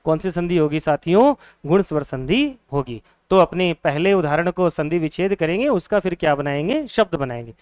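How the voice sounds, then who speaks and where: High-voiced Hindi grammar teacher, quizzing. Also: male voice, lively intonation, moderate pace, few pauses, clear, resonant tone, no echo, studio quality. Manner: asks questions and answers them himself, repeating key words. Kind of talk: exam-prep grammar lesson.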